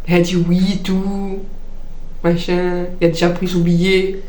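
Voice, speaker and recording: A woman's voice: fairly low pitch, little pitch movement, measured pace, mellow. A woman in casual gossip chat, chiming in as a co-host to back up and clarify the story. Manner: interjecting, backing up the storyteller. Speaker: co-host adding comments and clarifications. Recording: echoey room, faint background noise.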